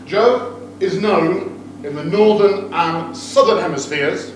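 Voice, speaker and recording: A man's voice: sits high, slow pace. A middle-aged man giving a joking, teasing wedding toast as father of the groom. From United Kingdom. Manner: teasing, joking, playful asides to guests. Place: wedding reception room with guests. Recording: very echoey room, far off, noisy.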